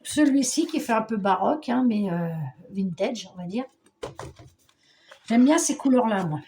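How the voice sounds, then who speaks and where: A woman's voice: a little high, expressive, moderate pace, darkish tone, slight background noise. Chatty middle-aged woman from Paris. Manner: chatty, hesitant, many fillers and restarts. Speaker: scrapbooking vlogger. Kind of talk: casual show-and-tell chat.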